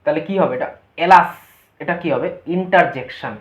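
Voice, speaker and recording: A woman teacher with a low voice explains a grammar lesson at a moderate pace, posing questions to her students and then answering them herself. The recording is lo-fi, dull, and echoey, made in a room.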